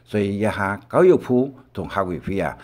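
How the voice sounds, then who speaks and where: An older man with a Taiwanese Hakka accent giving a recorded language lesson, explaining in a halting way with frequent pauses and restarts. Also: on the low side, expressive, darkish tone.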